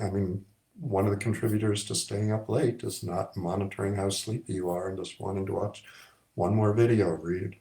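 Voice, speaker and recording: A middle-aged male psychiatrist giving an explanatory lecture to camera, measured and thoughtful, with frequent ums. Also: on the low side, darkish tone.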